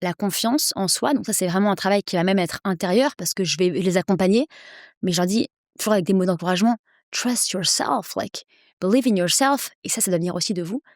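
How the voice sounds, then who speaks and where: A woman in her thirties, an English coach, speaking persuasively as a podcast guest, with energetic quick bursts. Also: medium pitch, no echo, studio quality. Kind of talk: podcast interview.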